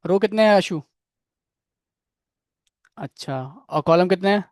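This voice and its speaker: Man, coding teacher, classroom lecture, checks in after each step, clear smooth voice, dry sound. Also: high-pitched, unhurried, dry recording. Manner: explains step by step, keeps checking with "theek hai"; quizzes students by name. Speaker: coding instructor. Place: classroom with students present.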